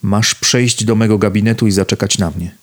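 A man reading the part of an old father in an audiobook, speaking quietly, slowly and with control. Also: mid-range voice, close to an everyday voice. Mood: controlled. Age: older.

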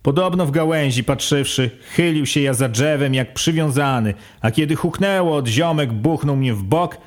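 A man reading a first-person rural story aloud in an expressive way, raising his voice sharply for the quoted speech. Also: medium pitch, moderate pace. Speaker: reader.

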